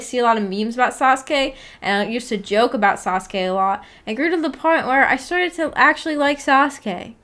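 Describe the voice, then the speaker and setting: A woman with a rather high voice hosts a casual livestream, chatting with viewers about anime. She giggles, teases playfully, and quickly softens things with an apology. Thinking aloud, she rambles and halts, filling her talk with "like."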